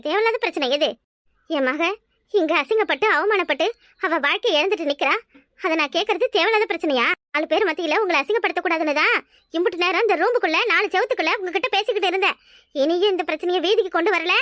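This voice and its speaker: A woman voicing a sharp-tongued village mother in a cartoon, scolding in a Kanyakumari Tamil accent as she defends her married daughter. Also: extremely high pitch, dry recording, clean studio sound. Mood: indignant. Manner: scolding, rapid and indignant. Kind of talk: cartoon voice acting.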